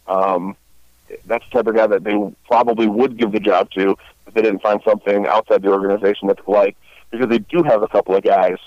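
Low-voiced man hosting a baseball podcast. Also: steady tone, a little fast, no echo, highs cut off. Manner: rambling, many fillers and restarts. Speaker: podcast host. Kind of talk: casual baseball talk.

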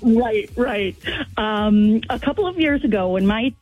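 A middle-aged woman from Wisconsin calling in, telling family stories in a slow, halting, emotional way. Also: on the high side, expressive, faint music behind. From Wisconsin, suburb of Milwaukee. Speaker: caller, sibling of the late host. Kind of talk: phone-in tribute storytelling. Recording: dull lo-fi phone-in call.

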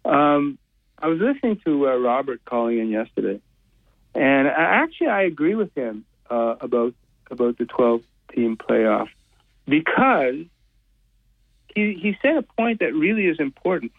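A man's voice: mid-range voice, very animated, moderate pace, no room sound. A man calling in to a sports talk radio show, hesitant and full of fillers, heard over a tinny phone line. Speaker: caller.

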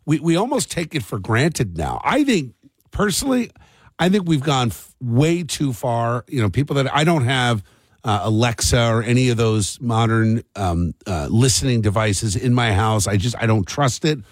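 Talking at a moderate pace with an expressive, medium-pitched voice, this middle-aged American morning radio host keeps up casual chat and call-ins, frequently putting questions to people. A close broadcast microphone leaves no room sound.

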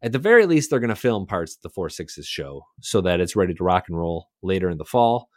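Lively low-voiced man recapping TV. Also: brisk, dry recording, studio quality. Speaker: podcast co-host. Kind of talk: casual TV recap chat.

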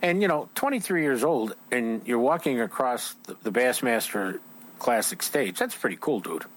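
A man's voice: medium pitch, lively intonation, normal speed, a little hiss or hum. A man hosting an outdoors show, chatting casually with a guest at a trade show, rambling with lots of fillers.

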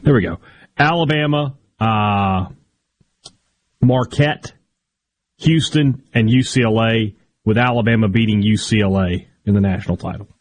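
A man's voice: fairly low pitch, measured pace, long pauses. An American man co-hosting sports talk radio, bantering in a wry, informal way.

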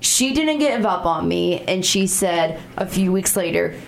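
A woman's voice: on the low side, lively intonation, a little slow, gravelly, slight background noise. Upbeat woman TV host in a roomy studio. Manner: upbeat and chatty. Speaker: TV show host. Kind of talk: hosting a TV interview.

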